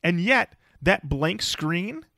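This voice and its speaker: A man co-hosting a podcast, chatting casually and telling jokey stories in an animated way. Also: sits high, slow, vocal fry, no room sound, clean studio sound. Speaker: podcast co-host.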